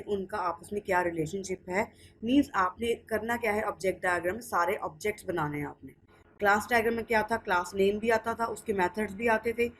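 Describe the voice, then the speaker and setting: Female lecturer, Indian English accent, unhurried classroom delivery, asks then answers her own questions. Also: medium pitch, slight background noise, poor audio.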